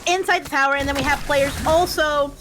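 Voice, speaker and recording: A woman's voice: high voice, fairly even intonation, brisk, background noise. A woman doing chatty color commentary on a video game match, hedging with fillers. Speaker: esports caster. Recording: music bed behind voice. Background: game music.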